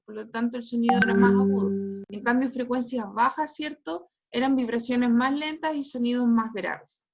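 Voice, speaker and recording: A woman teacher with a Chilean accent explains physics in an online lesson. Her voice sits high, and she keeps tagging her sentences with quick check-in questions. The sound is dull and muffled, like a video call. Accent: Chilean Spanish. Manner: repeats "¿cierto?" and "¿ya?" as checks. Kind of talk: online class lecture.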